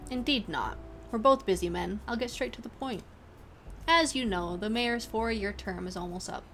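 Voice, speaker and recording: A woman voicing a smug, scheming male campaign manager in a game, talking low, soft and self-assured. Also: normal speed, slight background noise.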